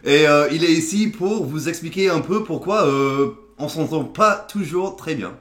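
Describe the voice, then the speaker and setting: A man's voice: a little high, animated, normal speed, fairly bright tone. A man with an American accent, a native English speaker, hosting a comedy sketch with teasing, mock-indignant banter. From United States. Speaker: host. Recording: echoey room.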